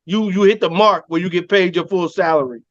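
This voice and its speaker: A man's voice: high-pitched, fairly even intonation, a little fast, no room sound. A man co-hosting a podcast, trading loose, slangy sports banter and laughing often. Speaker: podcast co-host. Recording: dry, dull lo-fi podcast mic.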